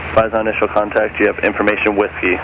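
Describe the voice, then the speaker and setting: A man's recorded airport weather broadcast comes through a muffled aircraft radio. He reads at a low pitch in a flat monotone. Loud cockpit engine noise runs under it. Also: racing. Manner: steady, flat, even reading. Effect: recorded airport weather broadcast heard over aircraft radio. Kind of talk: recorded weather and runway information readout.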